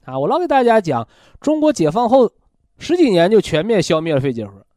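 A man hosting a radio health talk, lecturing in an animated way and tossing out rhetorical questions. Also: high voice, a little fast, no room sound, studio quality. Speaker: health show host.

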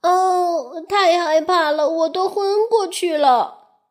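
A woman voicing a timid little fish in a children's story, with a very high, quick, awed voice. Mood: faint.

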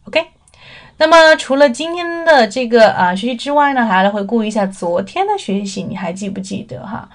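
A young woman teaching English vocabulary in a recorded lesson. She explains patiently, asks rhetorical questions and answers them herself, and slows right down to model each word's pronunciation. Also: fairly high pitch, expressive. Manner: drawls words slowly when modelling pronunciation.

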